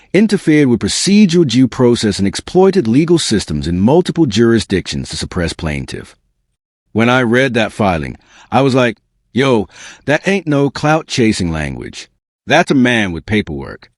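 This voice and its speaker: Male gossip exposé host, smug and sarcastic, deep-leaning voice with lively swings, dry close sound. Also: no room sound. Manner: slangy, punchy, dramatic delivery. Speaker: host of a celebrity scandal commentary show. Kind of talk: scripted exposé commentary.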